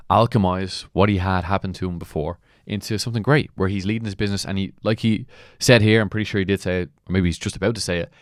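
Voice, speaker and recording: A man with a very deep voice coaches in motivational commentary, recorded close and dry. He makes his points emphatically and poses rhetorical questions. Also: dry recording. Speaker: mentor and coach. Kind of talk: motivational commentary on a client testimonial.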